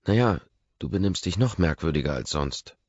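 A man voicing a shy young woman who is also a teasing lover, in a soft, playful way, in a dull lo-fi audiobook recording. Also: low voice, expressive, moderate pace, husky, no echo, pitched above the performer's own voice. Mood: puzzled.

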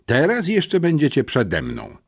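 A stern, pompous headmistress barks orders in a raised, sharply swooping voice, as a man puts her on. Her husky tone snaps between curt questions and commands. An audiobook figure with no patience at all. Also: fairly high pitch, huge pitch swings, a little slow, voice pushed up, full character voice. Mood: commanding. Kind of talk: audiobook character voice.

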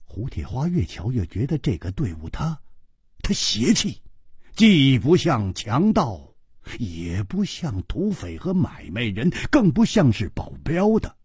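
A male storyteller in a traditional style, telling the tale slowly and with great drama. His voice is husky and raspy, with wild swings in pitch, and the sound is close and dry. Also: wildly swooping pitch, no echo. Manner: dramatic, acts out each figure, wide swings in pitch and loudness.

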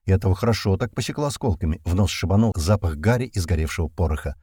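A man's voice: deep voice, animated, fast, breathy edge, no room sound, studio quality. A man narrating a first-person action audiobook in a tense storytelling manner. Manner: tense storytelling with shouted commands.

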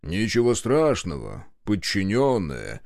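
A man voicing a smug, stern police sergeant who speaks in a gruff way. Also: fairly low pitch, huge pitch swings, takes it slowly, darkish tone, dry recording, clean studio sound, heavily acted.

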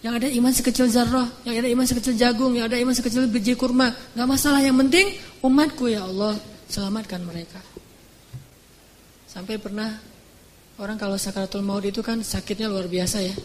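Recorded on an audience member's phone at a live lecture, a young Islamic preacher tells a story in relaxed, slangy everyday speech, acting out the dialogue. His voice is extremely high, and he turns soft and slow at emotional moments, with a slight hiss or hum in the background.

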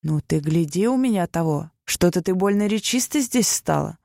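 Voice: medium pitch, animated, normal speed, creaky, a little mellow, dry recording, studio quality. A reader voicing a suspicious merchant husband who speaks in insinuating threats. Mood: threatening. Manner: menacing, insinuating.

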